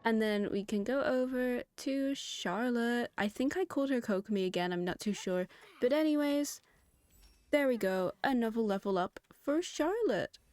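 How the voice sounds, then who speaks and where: Chatty, giggly woman with a hoarse voice. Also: moderate pace, dry recording. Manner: chatty and giggly, with sudden high excited jumps. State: hoarse, has lost her voice. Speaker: gaming video host. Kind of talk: casual gameplay commentary.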